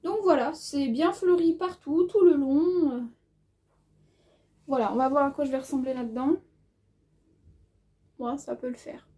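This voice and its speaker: A woman's voice: high-pitched, mellow. A woman with an accent of her own, chatting casually in a sewing haul video, thinking aloud as she measures fabric, with plenty of hesitations and filler words. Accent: has an accent of her own. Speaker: sewing vlogger.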